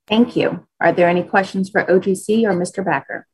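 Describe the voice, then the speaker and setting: A woman's voice: mid-range voice, brisk, husky, dry recording, poor audio. A woman chairing a formal government commission meeting in a courteous, procedural manner.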